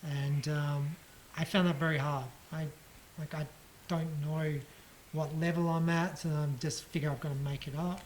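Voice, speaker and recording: A man giving a casual personal account of his hospital stay, halting and reflective, with frequent ums and restarts. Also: a little high, level tone, a little hiss or hum, low-quality recording. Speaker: patient recounting his surgery.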